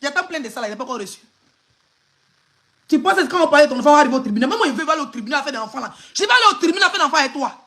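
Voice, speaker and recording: A woman's voice: high-pitched, big pitch swings, very fast, bright, forceful tone. A woman with an Ivorian French accent on a phone live stream, hurling insults and mocking laughter in an angry rant.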